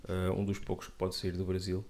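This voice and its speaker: A man's voice: deep voice, monotone, fairly quick, mellow. A man co-hosting a casual political chat, delivering wry, sarcastic asides. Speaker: podcast co-host.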